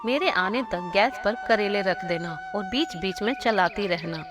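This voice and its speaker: A woman's voice: medium pitch, expressive, a little slow, close to an everyday voice. A woman voicing a stern, exasperated middle-aged mother-in-law in a cartoon story, scolding. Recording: cartoon voice over loud music.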